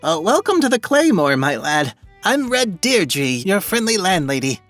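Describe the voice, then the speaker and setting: A man's voice: high voice, sing-song, measured pace, fairly bright tone, no echo, soft background music, voice pushed up, heavily acted. A man voicing a friendly Scottish woman pub landlady, chatty and welcoming, while reading game dialogue aloud.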